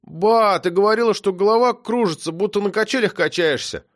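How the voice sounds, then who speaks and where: A man's voice: sits high, a little fast, dry recording, clean studio sound, pitched above the performer's own voice, lightly acted. A man voicing a sensitive young boy who whines and pleads with his grandmother. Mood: whiny pleading. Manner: whining, pleading.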